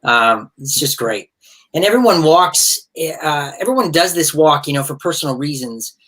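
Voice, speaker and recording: A man's voice: on the high side, expressive, normal speed. A man chatting casually over a video call as a guest supporter, rambling and restarting his sentences. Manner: rambling, warm-hearted, restarts often.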